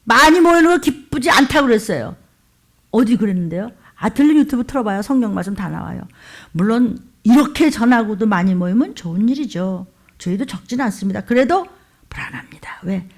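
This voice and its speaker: Fiery woman pastor preaching, higher voice. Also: expressive, fairly quick. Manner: fiery, scolding, full of rhetorical questions. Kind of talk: sermon.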